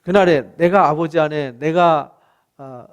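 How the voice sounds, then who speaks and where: Pleading high-voiced male pastor. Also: measured pace, clean tone, lo-fi sound. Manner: pleading, conversational preaching with frequent "eo" fillers; dramatizes God's voice with rising emphatic pitch. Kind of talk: Bible exposition sermon.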